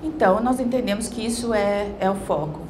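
A woman's voice: medium pitch, a little fast, darkish tone, a little hiss or hum. A middle-aged woman giving a conference lecture into a handheld mic in a large hall, explaining step by step and checking in with tag questions.

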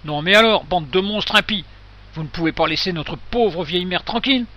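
A man reading the part of burly grown brothers who shout threats in fury. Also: high-pitched, normal speed, lo-fi sound. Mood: furious. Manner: loud, threatening.

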